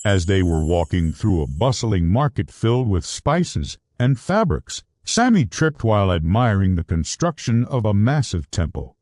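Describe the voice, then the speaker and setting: A man narrating a scripted children's adventure story in an animated storybook manner. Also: on the low side, moderate pace, few pauses, no echo, studio quality.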